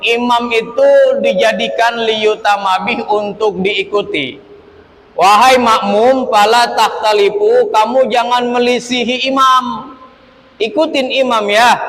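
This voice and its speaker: Brief: high-pitched, slow-paced male preacher, humorous chanting sermon, echoey mosque hall. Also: a little hiss or hum. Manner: lively and humorous, chanting Arabic verses, acting out imam and congregation.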